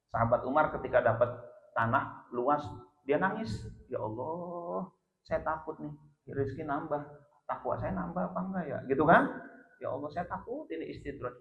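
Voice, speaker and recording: A middle-aged man giving a lively sermon, chatty and rising loud on key phrases. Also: medium pitch. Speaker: preacher. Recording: roomy, dull lo-fi sound.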